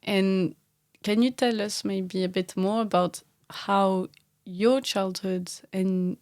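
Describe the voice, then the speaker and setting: A woman hosting a podcast, asking polite, gentle interview questions. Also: medium pitch, fairly even intonation, slow pace, dry recording, studio quality. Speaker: podcast host.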